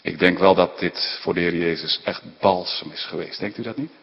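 A man preaching a sermon, emphatic, dropping into hushed near-whispers and rising into fervent appeals, with many tag questions and restarts. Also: deep voice, normal speed, slightly rough. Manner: frequent "hè" tags and stumbling restarts. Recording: dull lo-fi sound with long hall reverb.

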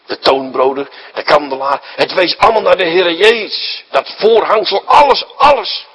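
A male preacher giving a sermon to his congregation, asking rhetorical questions and acting out the story, swinging between loud emphasis and quiet asides. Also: on the high side, expressive, moderate pace, a little hiss or hum, rough recording.

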